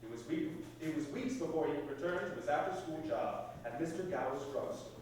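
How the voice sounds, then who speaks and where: Patient celestial storyteller man acting, slightly high voice, stage drama, very echoey hall. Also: expressive, brisk, darkish tone, natural voice. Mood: solemn storytelling. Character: senior male heavenly guide patiently narrating a life story. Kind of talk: stage play narration. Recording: echoey hall, distant mic, faint noise.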